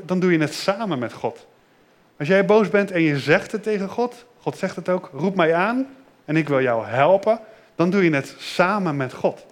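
A man giving a children's sermon in a simple, gentle way, asking the children questions and repeating their answers. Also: high-pitched. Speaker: children's pastor.

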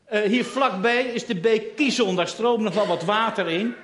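A man's voice: high voice, moderate pace, fairly bright tone, slight background noise. A man voicing a bold, confident prophet who teases his rivals in a casual, sarcastic way. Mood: mocking. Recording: roomy echo.

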